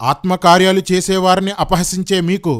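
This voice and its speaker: A man's voice: high-pitched, completely flat delivery, fairly quick, a bit bright. A man giving a combative religious rebuttal, mocking his opponent and firing rhetorical questions. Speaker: commentator rebutting preachers.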